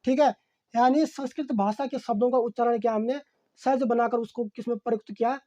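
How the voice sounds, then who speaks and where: A man's voice: extremely high pitch, steady tone, warm tone, dull audio. A male teacher giving an exam-prep grammar lesson, repeating key phrases and posing rhetorical questions that he answers himself, with frequent "okay, friends" fillers. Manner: fills pauses with "okay, friends".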